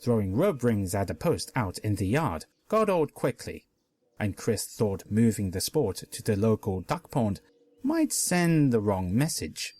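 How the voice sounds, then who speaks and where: A man narrating a pony fanfic story as a dramatic reading, expressive throughout. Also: fairly low pitch, a little slow.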